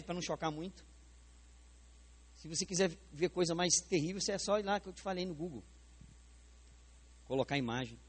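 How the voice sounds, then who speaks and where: A man's voice: high-pitched, slightly rough. A man with a Brazilian Portuguese accent, preaching a sermon in a church, staging a live demonstration and putting questions straight to the congregation. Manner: animated, questions the congregation directly. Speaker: pastor preaching. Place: church sanctuary.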